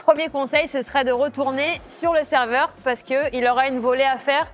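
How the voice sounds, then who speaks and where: A young Frenchwoman with a high-pitched voice shares playing advice. She speaks informally, as in a relaxed tutorial between sporting partners. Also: moderate pace. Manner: informal, conversational. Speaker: padel player giving tips. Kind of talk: casual tutorial talk.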